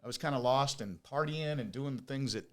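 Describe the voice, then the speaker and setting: Guesting on a podcast, a business owner from Oregon aged fifty or older shares his story in a conversational way, with emphatic repetition and rhetorical questions. He talks fairly quickly in a mid-range voice, and his s whistles because of new teeth.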